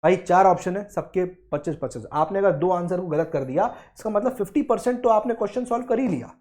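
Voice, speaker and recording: A young man teaching an exam prep lesson, talking emphatically and coaxing students, and slowing down to read English quotes aloud. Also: high-pitched, lively intonation, darkish tone. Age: young adult. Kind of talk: Hindi-English lecture.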